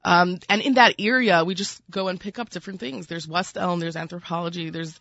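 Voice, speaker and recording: A woman's voice: fairly low pitch, fairly even intonation, fairly quick, fairly bright tone, lo-fi sound. Chatty woman with a strong Brooklyn accent. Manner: chatty, frequent "like" and "you know". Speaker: food magazine editor, interview guest. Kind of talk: casual conversational interview.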